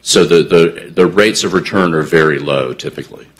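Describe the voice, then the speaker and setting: A man's voice: extremely low pitch, moderate pace. A man presenting as a housing developer at a county commission meeting, explaining at length with many fillers and restarts.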